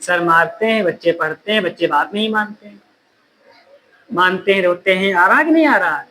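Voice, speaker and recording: A man teaching a grammar lesson to a class of students, often repeating his questions and gently scolding them. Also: high voice, normal speed, slight background noise, poor audio.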